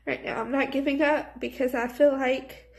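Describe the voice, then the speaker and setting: A woman's voice: sits high, fairly even intonation, moderate pace, vocal fry. A woman in her thirties speaking in a personal, confessional vlog, recorded on a phone in a small room. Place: small plain indoor room. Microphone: phone at arm's length.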